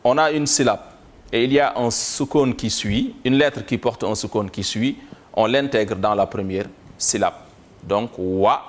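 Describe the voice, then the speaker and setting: A man giving a Quran reading lesson in French, spelling out Arabic syllables slowly and repeating them one by one. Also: mid-range voice. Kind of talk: slow step-by-step reading lesson.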